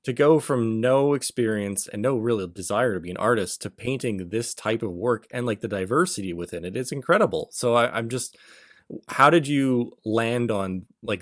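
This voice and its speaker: A man hosting a podcast interview, earnest and enthusiastic, stumbling over words when excited. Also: fairly low pitch, moderate pace, dry recording, clean studio sound. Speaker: podcast host. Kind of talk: casual interview talk.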